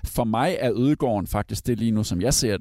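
A man hosting a casual podcast chat, relaxed, stretching words for emphasis. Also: medium pitch, dry recording, studio quality.

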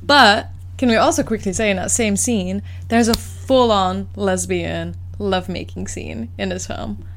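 A woman's voice: medium pitch, a little slow, gravelly. A woman co-hosting a podcast, mostly adding short agreements and dry quips to a casual film chat. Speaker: podcast co-host.

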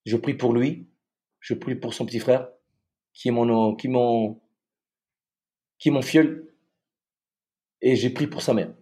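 Man, soldier, emotional personal story, halting restarts, mellow dark voice. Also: mid-range voice, fairly even intonation. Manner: halting, with many repeated restarts.

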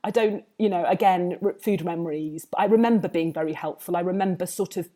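A woman's voice: on the low side, brisk, mellow. A woman with a southern English Home Counties accent talks reflectively in conversation, circling back over her phrases as she goes. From Hertfordshire, England. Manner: discursive, circling back with repeated hedging phrases. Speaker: food writer, interview guest.

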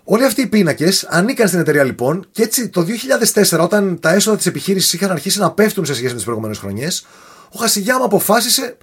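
A man telling a story in a casual podcast chat, animated and often tripping over foreign names. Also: high voice, breathy edge.

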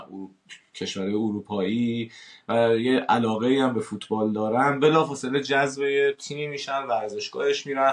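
A man from Iran hosting a podcast, asking questions casually with hesitant fillers and laughing along. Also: mid-range voice. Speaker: podcast host.

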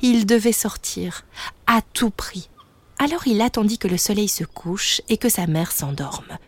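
A woman narrating a children's bedtime story in a gentle, sometimes hushed way. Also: medium pitch, unhurried, no echo.

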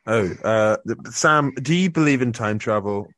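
A man's voice: medium pitch, expressive, moderate pace, fairly bright tone, no echo. A young man co-hosting a casual podcast chat, laughing often and stumbling through fillers as he sets up a story. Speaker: podcast co-host.

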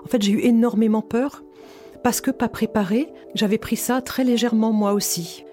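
A woman's voice: fairly high pitch, fairly even intonation, moderate pace, dark tone, faint music behind. A woman in her fifties candidly recounting her experience as a patient, in an earnest personal testimony. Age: 50s. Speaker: patient sharing her cancer story.

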